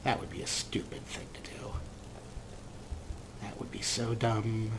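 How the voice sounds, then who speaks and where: A man hosts a let's play, offering casual, playful commentary that is wordy, wry and a bit theatrical. His voice is on the low side with fairly even intonation and a measured pace. Game ambience and background noise are clearly audible.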